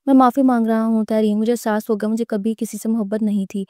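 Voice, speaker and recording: A woman voicing a remorseful young husband in an audiobook-style romance reading, talking softly and earnestly. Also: fairly high pitch, steady tone, dry recording, studio quality, lightly acted.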